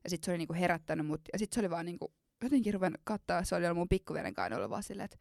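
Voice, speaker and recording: A young woman chats casually, spinning a funny story with filler words and bursts of laughter. Her voice carries a gravelly fry, recorded close and dry. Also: fairly low pitch, lively intonation, darkish tone, dry recording. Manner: laughs while telling embarrassing stories, many fillers.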